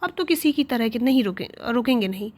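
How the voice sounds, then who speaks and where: A woman with a fairly high voice teaching a story line by line. She poses a quick question, then answers it herself in a patient, explanatory way. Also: animated, a little mellow. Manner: asks and answers her own questions. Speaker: Hindi teacher.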